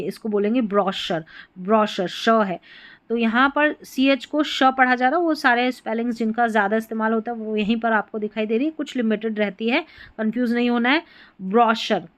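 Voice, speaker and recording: A patient woman teacher with a slightly high voice explains a lesson step by step. She repeats words and spells letters out slowly. The sound is close and dry. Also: no echo. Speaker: English teacher. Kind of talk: spoken classroom lesson.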